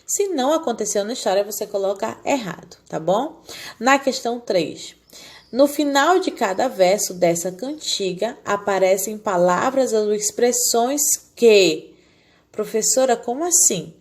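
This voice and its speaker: A woman's voice: medium pitch, animated, measured pace. A woman teaching a recorded lesson to young children. She explains patiently and keeps asking the class questions, then answers them herself. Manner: talks down gently to small children. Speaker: primary school teacher.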